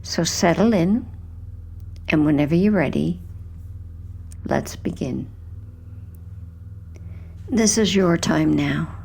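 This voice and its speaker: A woman leads a sleep hypnosis in gentle, hushed, soothing scripted narration, unhurried, letting her phrases trail off softly. Her voice is low and husky, with vocal fry.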